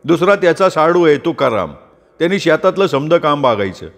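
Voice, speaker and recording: A man voicing a boisterous, generous farmer with loud, hearty rural talk. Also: fairly high pitch, big pitch swings, fairly quick, big-room sound, voice pushed up. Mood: explaining. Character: boisterous, generous middle-aged farmer, former convict.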